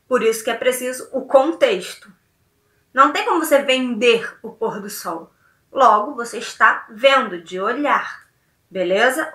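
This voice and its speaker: A woman's voice: a little high, pushed and bright, echoey room, recorded from a distance. A woman teacher with a Brazilian Portuguese accent giving a recorded lesson, chatty and often checking in with her students.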